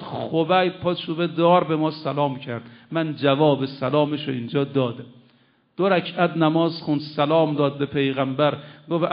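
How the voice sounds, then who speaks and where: A male preacher giving an impassioned sermon, telling a story and swinging between loud declaiming, low asides and slow, solemn recitation of Arabic phrases. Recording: muffled lo-fi recording.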